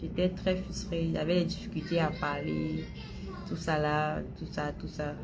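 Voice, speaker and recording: Young woman chatting on her live stream, bit of a stammer, keeps repeating stuff to viewers, music going loud behind her. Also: sits low, level tone, normal speed, vocal fry. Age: young adult. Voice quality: slight stammer she says has eased. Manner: chatty, addresses viewers directly, repeats phrases. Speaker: livestream host answering viewers. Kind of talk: casual live-stream chat.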